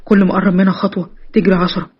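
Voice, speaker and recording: A woman voicing an earnest, polite young man courting a girl, speaking softly and steadily in an Egyptian accent. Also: mid-range voice, level tone, rapid-fire, slightly rough, dull audio, pitched below the performer's own voice, lightly acted. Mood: sincere. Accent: Egyptian Arabic.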